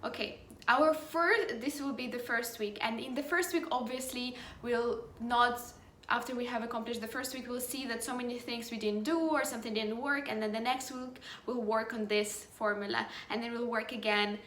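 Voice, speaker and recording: Host: woman, British accent, encouraging coach, slightly high voice, roomy echo. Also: steady tone, normal speed, hardly any pauses, fairly bright tone, a little hiss or hum. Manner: upbeat, encouraging, many "like" fillers. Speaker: life coaching program host. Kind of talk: motivational vlog talk to followers. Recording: echoey room.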